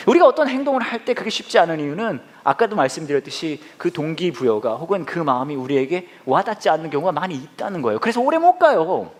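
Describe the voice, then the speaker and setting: A middle-aged man preaching a humorous sermon in a church, self-mocking and acting out bits of dialogue. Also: sits high. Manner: animated, self-mocking, acts out quoted dialogue. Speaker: pastor.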